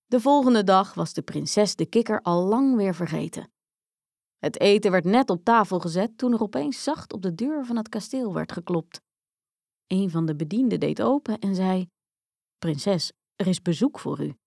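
A woman reading a children's fairy tale aloud in a lively, expressive way. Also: mid-range voice, moderate pace, gravelly, dry recording, studio quality. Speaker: storyteller. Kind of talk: storybook read-aloud.

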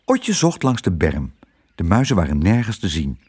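Expressive male storybook reader. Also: low voice, moderate pace, husky. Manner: expressive, voicing each character. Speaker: narrator. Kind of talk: storybook reading aloud.

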